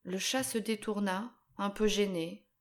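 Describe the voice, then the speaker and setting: A woman reading a storybook aloud in a gentle, careful way. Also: mid-range voice, fairly even intonation, measured pace. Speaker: narrator.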